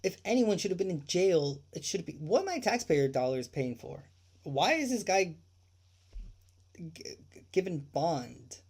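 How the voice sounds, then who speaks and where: A man hosts a true crime livestream, his dark, mellow voice a little high with a breathy edge. Very animated and a little slow, he rants indignantly, swearing freely, firing off rhetorical questions and circling back to repeat his points for emphasis.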